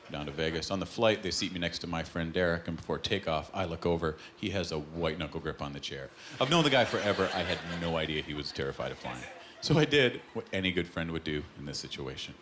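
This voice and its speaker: A man from Canada performs a stand-up set on a club stage, his voice leaping up and down in lively swings. He tells his stories with quick punchlines through a handheld mic, and loud noise from the live show fills the background. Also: sits low. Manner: animated storytelling with punchlines. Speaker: stand-up comedian.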